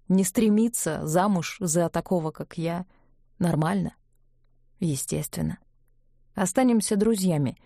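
A woman voicing a tender older man, a powerful inquisitor, who speaks softly and gently. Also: lowish voice, no echo, studio quality. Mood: quiet. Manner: soft-spoken, gentle.

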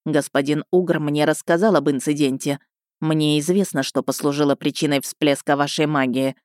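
A woman's voice: sits low, fairly even intonation, moderate pace, darkish tone, no room sound, studio quality, pitched below the performer's own voice, close to an everyday voice. A woman voicing a stern, weary man who runs a magic academy, speaking curtly and with authority. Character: stern older male academy rector.

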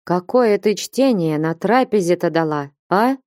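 A woman's voice: on the low side, expressive, measured pace, a little mellow, no room sound. A woman reading aloud and voicing a stern, fiery old abbess who scolds and commands in a raised voice. Dry, close sound.

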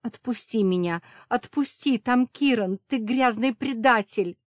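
A woman's voice: measured pace, dry recording, clean studio sound, lightly acted. A woman reading an audiobook, voicing a desperate, sobbing young demoness who screams and pleads. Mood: furious. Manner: shrill, pleading.

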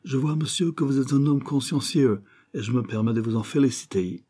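A man's voice: mid-range voice, moderate pace, warm tone, slightly rough, pitched above the performer's own voice, lightly acted. A man voicing a menacing male crook with an English accent, sarcastic and threatening, in an audiobook. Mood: mocking.

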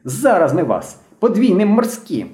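A man voicing an excitable thin boy who leads a pioneer squad, shouting orders in a high voice in an audiobook reading. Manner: shouting fast, high-pitched, bossy. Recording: roomy echo.

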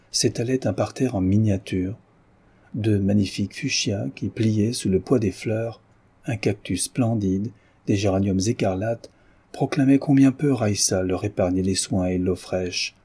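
A male audiobook narrator reads a novel in a measured, solemn way. His voice is low, dark and mellow, with a husky grain.

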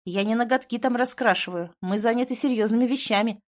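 A woman's voice: on the high side, fairly quick, natural voice. A woman voicing a blunt, irritated young man in an audiobook, speaking in a curt, exasperated way. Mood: angry, curt. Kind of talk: audiobook character voice.

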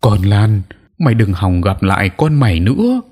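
A man's voice: deep voice, animated, moderate pace, a bit bright, heavily acted. A man voicing an evil old male sorcerer who cackles and screeches curses in an audio story. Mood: frantic rage.

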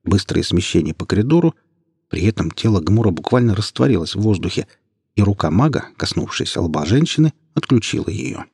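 A man reading a fantasy audiobook in a steady, even narration, close to the mic. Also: sits low, fairly quick, gravelly, breathy edge, dry recording.

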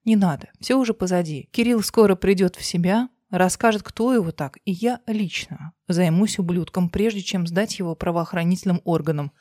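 A woman's voice: on the low side, normal speed, few pauses, mellow, no room sound, studio quality, natural voice. A woman voicing a father who speaks in a soothing but firm way. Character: calm protective father, gentle but firm.

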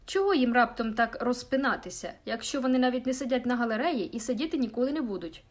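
A woman's voice: fairly high pitch, animated, fast. A woman voicing a shrewd middle-aged male village carter who talks in a knowing, drawling way and asks rhetorical questions.

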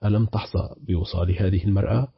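A man with a very deep, husky voice reading the lines of a cold, sarcastic betrayed husband in a storybook. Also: quick pace, no echo, lo-fi sound, heavily acted. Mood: cold mocking. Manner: icy, mocking, calm.

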